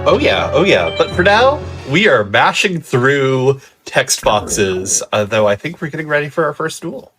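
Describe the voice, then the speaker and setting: Guy explaining game mechanics on a stream, lively up and down voice, lots of ums. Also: mid-range voice, a little slow, hardly any pauses. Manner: relaxed, explanatory, frequent "uh" and "um". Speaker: guest commentator. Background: game music.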